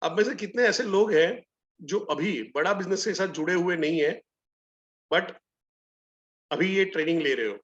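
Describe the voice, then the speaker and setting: A man's voice: sits high, normal speed, pauses often, lo-fi sound. A middle-aged man running a live online sales training, telling stories and acting out both sides of the dialogue. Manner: animated storytelling, acts out both sides of dialogues.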